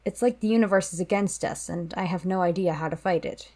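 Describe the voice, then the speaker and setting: A woman's voice: on the low side, a little fast, dark tone. A woman acting a devoted, worried young partner in an audio drama, earnest, emotional and apologetic. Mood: distressed, pleading.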